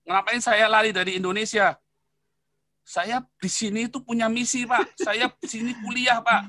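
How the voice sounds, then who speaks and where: A man's voice: high voice, level tone, normal speed, pushed and bright, no room sound, studio quality. A young man in a heated debate, combative and mocking, talking over the other side. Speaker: debater on a live stream.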